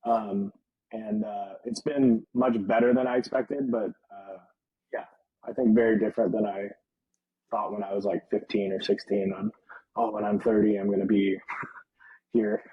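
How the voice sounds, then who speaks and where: A man's voice: on the low side, a little slow, long pauses, husky, dry recording, highs cut off. A man in his early thirties, a podcast guest talking easily about his life and work, with frequent laughs and fillers. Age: 30s. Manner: easygoing, laughs often, many fillers. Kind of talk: casual interview chat.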